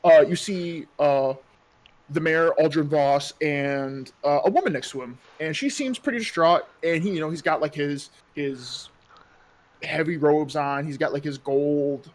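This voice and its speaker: Young male game master, rambling and casual, voice on the high side. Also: a little slow. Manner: rambling, loose, filler-heavy. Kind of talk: narrating a tabletop game.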